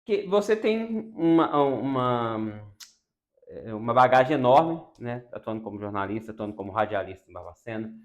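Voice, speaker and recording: A man's voice: mid-range voice, expressive, normal speed, dull audio. A man with a Minas Gerais accent hosting an interview, asking questions in a hesitant way with fillers. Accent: Brazilian Portuguese, Minas Gerais. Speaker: interview host. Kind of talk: casual interview.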